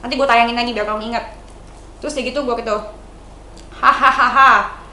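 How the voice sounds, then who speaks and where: A woman's voice: fairly high pitch, fairly even intonation, rapid-fire, fairly bright tone. A woman with a Jakarta colloquial accent who talks straight to camera, scolding and confrontational, and keeps calling her viewers "guys". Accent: Jakarta colloquial Indonesian. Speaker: vlogger. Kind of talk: casual angry rant to camera.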